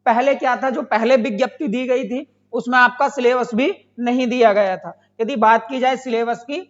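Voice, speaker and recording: An exam coaching teacher, a man with a very high voice, explains things to students at normal speed in a steady tone. He repeats phrases and asks questions that he then answers himself. The recording has a dull lo-fi sound.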